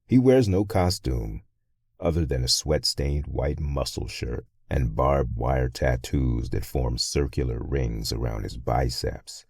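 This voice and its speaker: A man's voice: a bass voice, creaky, a little mellow, husky, no room sound, clean studio sound. A man narrating a first-person horror story in a brooding, menacing way.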